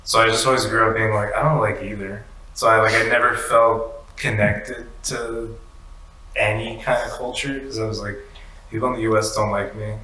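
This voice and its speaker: A young man, a musician guest born in the United States to Mexican parents, talking in a relaxed, halting way with many "like"s and "um"s. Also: on the low side, distant mic. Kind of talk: casual interview chat. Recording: echoey room, off-mic, faint hiss.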